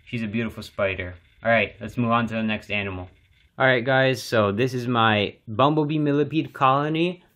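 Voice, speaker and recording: A young man casually narrating as he feeds his exotic pets, relaxed and chatty with lots of fillers. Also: medium pitch, moderate pace. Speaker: pet keeper and channel host.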